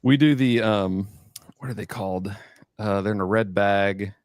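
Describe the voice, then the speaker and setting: A man's voice: fairly low pitch, normal speed, no echo, clean studio sound. A man hosting a podcast, asking questions in an easygoing, hesitant way. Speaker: podcast host. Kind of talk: casual podcast chat.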